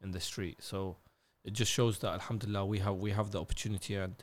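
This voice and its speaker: Low-voiced man from Iraq interviewing. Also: steady tone. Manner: halting, restarts phrases, asks probing questions. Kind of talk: conversational interview.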